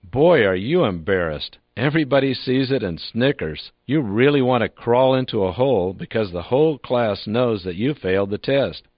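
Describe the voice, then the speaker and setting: A man teaching a drill lesson in a calm, patient, scripted manner, repeating practice phrases for the listener. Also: medium pitch, normal speed, hardly any pauses, no room sound, highs cut off. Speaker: instructor. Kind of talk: scripted instructional narration.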